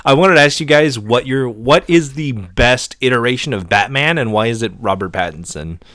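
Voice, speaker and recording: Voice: mid-range voice, lively intonation, moderate pace, fairly bright tone, dry recording, clean studio sound. A podcast co-host with a wry, giggly way of talking. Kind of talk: casual podcast chat.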